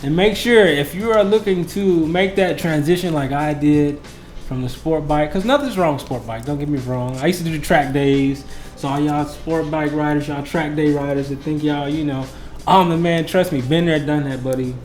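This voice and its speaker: A man's voice: fairly high pitch, moderate pace, darkish tone. A man hosting a casual interview, speaking in a slangy, conversational, buddy-like way. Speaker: interviewer and host. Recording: roomy echo with music behind.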